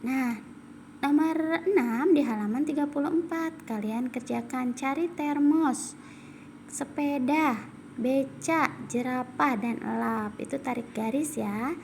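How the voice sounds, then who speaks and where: A woman with a Sundanese accent, a primary school teacher giving a recorded lesson to young pupils, sounding out example words slowly and carefully, then adding quick asides. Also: sits high, creaky, darkish tone, a little hiss or hum.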